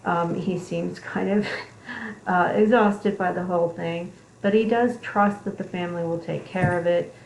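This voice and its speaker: A woman psychology instructor explains a film clip to her class. Her voice is low and gravelly, and she talks with frequent fillers and restarts. The recording has a roomy echo with faint noise behind it. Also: fairly even intonation, a little slow. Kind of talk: recorded online lecture. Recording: echoey room with faint noise.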